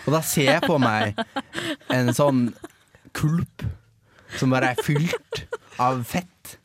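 A man's voice: mid-range voice, expressive, no echo. A man co-hosting a casual radio chat, rambling and hesitant, with many fillers. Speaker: radio co-host.

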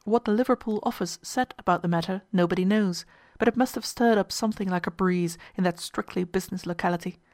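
A woman reading a story aloud in scripted narration, in an even, measured way. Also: medium pitch, dry recording, clean studio sound.

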